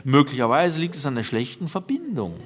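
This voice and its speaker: A courteous automated phone system for train information, formal and even in its phrasing, as a man reads it out. It keeps apologizing with patient, scripted politeness in a voice pitched a little above the usual male. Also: a little fast, big-room sound. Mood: apologetic.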